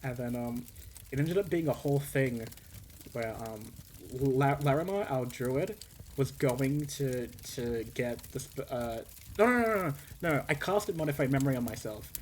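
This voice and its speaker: A man streaming casually, telling a long story with animated, rambling energy and frequent restarts. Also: medium pitch, unhurried, a little hiss or hum.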